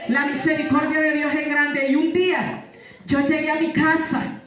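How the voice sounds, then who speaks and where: A woman's voice: high voice, little pitch movement, normal speed, crowd noise. Woman, church testimony, fervent, repetitive praise interjections, heavy hall echo, distant mic. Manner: repeats phrases, interjects praise; fervent, rising to shouts. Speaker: testimony giver. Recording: echoey hall, far from mic.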